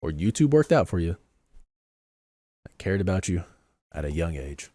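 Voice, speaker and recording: A man rambles through sarcastic, mock-serious commentary on a video. His pitch swings animatedly between high jabs and low muttered asides. The sound is dry and close. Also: big pitch swings, normal speed, dark tone, dry recording. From Southern United States. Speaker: reaction video host. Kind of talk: sarcastic commentary over a clip.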